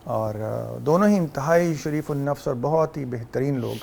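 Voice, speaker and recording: There's slight background noise as a man with a medium-pitched, somewhat mellow voice and vocal fry talks. A guest actor with a Pakistani Urdu accent, he shares chatty talk show anecdotes in a relaxed way, blending in English and Arabic phrases.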